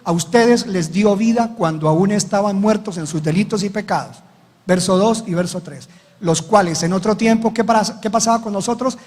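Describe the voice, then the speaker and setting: A man's voice: high voice, normal speed, a little mellow, in a large hall. A man preaching as pastor, telling a story with dramatic retold dialogue. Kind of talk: sermon.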